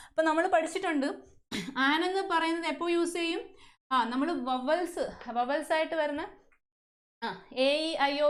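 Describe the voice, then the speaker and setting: A woman from Kerala with a Malayali accent teaching an English class, often asking questions and answering them herself. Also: high-pitched. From Kerala, India. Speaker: English teacher at a coaching centre. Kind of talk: classroom lesson.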